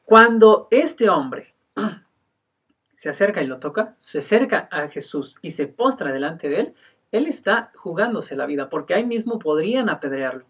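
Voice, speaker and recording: A man's voice: sits high, expressive, a little slow. Man preaching from a distance. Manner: emphatic preaching, swings between loud and soft, frequent throat clearing. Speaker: pastor. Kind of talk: sermon.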